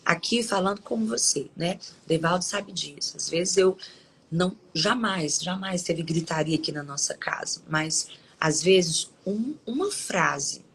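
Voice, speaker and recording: A woman with a lowish voice hosts a devotional live stream. She talks in a loose, conversational way and pauses to read Bible verses aloud. A faint hiss sits under the voice. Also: expressive, a bit bright, low-quality recording. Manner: conversational, with frequent tag questions and restarts. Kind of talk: devotional talk and scripture reading.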